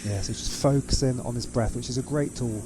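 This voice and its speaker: A man's voice: mid-range voice, a little fast, heavy background noise. A man hosting a reaction video, giving casual, conversational commentary and explaining things as he goes. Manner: explanatory, conversational, with tag questions.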